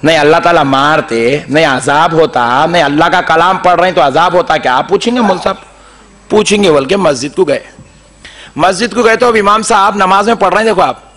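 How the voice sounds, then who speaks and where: A man's voice: a little high, a little fast, fairly bright tone. A man preaching a sermon to a congregation. He tells a story, acts out the dialogue and asks the crowd to raise their hands. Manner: chants Quranic verses in a melodic recitation. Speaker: Islamic preacher.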